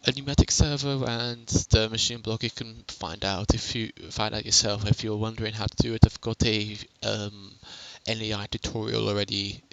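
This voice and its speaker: Gravelly young man rambling through a tutorial. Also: lowish voice, steady tone, moderate pace, hardly any pauses, a bit bright, muffled recording. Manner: rambling, self-correcting, chatty. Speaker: game tutorial narrator. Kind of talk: casual gameplay tutorial. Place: home. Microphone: headset.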